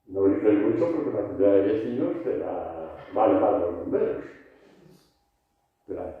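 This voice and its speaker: Lively catechist in an echoey church. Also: male voice, fairly low pitch, a little slow. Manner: lively, rhetorical, asks the congregation questions. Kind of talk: sermon catechesis. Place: large church. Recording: echoey church, distant dull mic.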